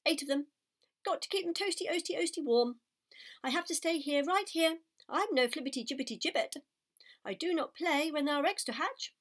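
A fussy mother goose guarding her nest, voiced by a woman reading aloud. She chatters in high, loud, singsong babble and rhymes her words. She is a storybook bird who will not be moved. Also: expressive, brisk.

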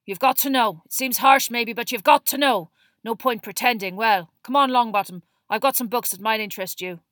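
A woman voicing a gruff old male teacher in a storybook, with a forceful, barking, growling delivery. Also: on the high side, a little fast, no echo, voice pushed up, close to an everyday voice. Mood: gruffly gentle.

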